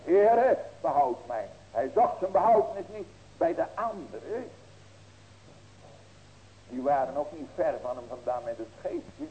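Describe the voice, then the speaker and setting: A man's voice: a little high, animated, measured pace, long pauses, mellow, dull audio, a little hiss or hum. A man in his sixties preaching as a pastor, earnest and folksy, with rhetorical questions and emphatic ringing cries. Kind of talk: sermon.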